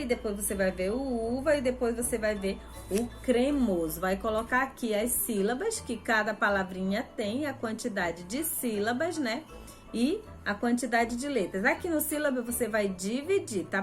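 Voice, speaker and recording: Brazilian woman teacher, higher voice, patient and repetitive, faint music under. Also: a bit bright. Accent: Brazilian Portuguese. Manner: patient, repetitive, slow step-by-step explaining. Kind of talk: remote first-grade lesson walkthrough.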